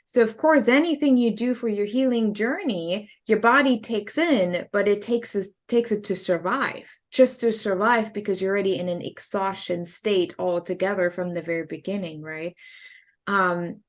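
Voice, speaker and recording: A woman's voice: medium pitch, normal speed. A woman, a holistic practitioner co-hosting a podcast, explaining in an earnest, meandering way. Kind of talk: casual podcast chat.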